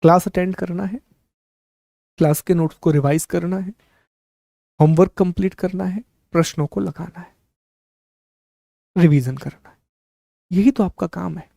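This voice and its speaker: A man's voice: sits high, moderate pace, gravelly, long pauses, dark tone, no echo, studio quality. A young man teaching an exam strategy class as a coaching teacher, giving direct advice and asking rhetorical questions.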